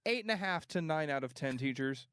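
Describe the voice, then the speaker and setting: A young man co-hosting a podcast in casual chat, telling animated stories and quoting people in put-on voices. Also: on the high side, fairly quick, clear, resonant tone, no room sound, studio quality. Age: young adult. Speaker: podcast co-host.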